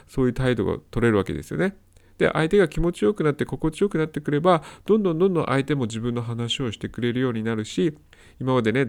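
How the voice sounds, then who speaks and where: A man's voice: mid-range voice, gravelly, a little mellow. A man hosting a solo advice talk, explaining step by step and repeating his key points. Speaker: host of a self-help audio talk.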